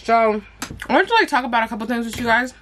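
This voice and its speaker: Eating on camera at home, a young mukbang vlogger talks bluntly and casually, packing in slang. She has a fairly high, expressive voice and speaks fast, with a noisy background behind her.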